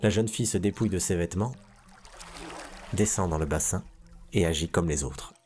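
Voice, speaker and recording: A man narrating a literary tale in a measured, expressive reading. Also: low-pitched, soft background music. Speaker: storyteller.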